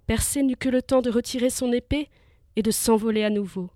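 A woman's voice: on the high side, fairly quick, dark tone, no room sound, clean studio sound, faint music behind. A woman storyteller giving scripted narration of a myth for young listeners, vivid and lifting with the action.

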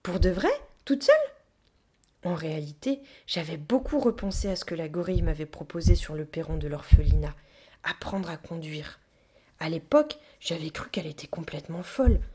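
A woman narrating a children's storybook aloud in an expressive, animated way. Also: sits low, fairly quick, slightly rough. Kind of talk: storybook reading.

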